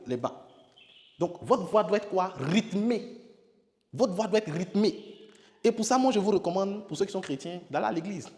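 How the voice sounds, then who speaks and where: A man, a public speaking coach teaching with emphatic repetition. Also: a little high. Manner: emphatic, repeats key words, demonstrates with sudden loud exclamations. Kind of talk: spoken lesson on public speaking. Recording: long hall reverb.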